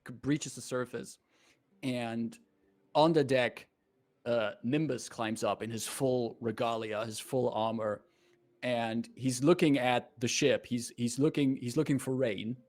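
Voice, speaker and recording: A man narrating as game master of a tabletop role-playing game in halting, improvised phrases. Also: medium pitch, fairly even intonation, darkish tone.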